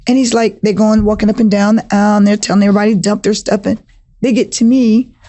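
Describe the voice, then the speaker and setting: A woman guest on a podcast, telling an animated, dramatic story in casual talk. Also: mid-range voice, fast.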